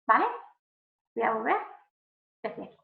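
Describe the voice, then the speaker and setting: A woman's voice: a little high, expressive, a little slow, vocal fry. A woman from Spain, giving an informal online lesson as a language examiner, chatty, with many fillers and restarts. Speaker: language proficiency examiner and teacher. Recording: phone-like audio in an echoey room.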